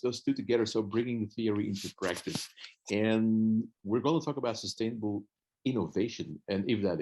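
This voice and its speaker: A man's voice: lowish voice, darkish tone. A man from Belgium, a consultant, giving an earnest online talk as guest speaker over a video call, often restarting his sentences. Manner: earnest, with frequent restarts and fillers. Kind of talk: webinar presentation.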